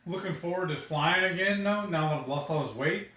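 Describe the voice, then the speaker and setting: A man's voice: high-pitched, fairly quick, pushed and bright, distant mic. A man co-hosting a live stream, dropping in short joking remarks. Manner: brief joking interjections. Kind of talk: casual live-stream chat. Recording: echoey room, off mic.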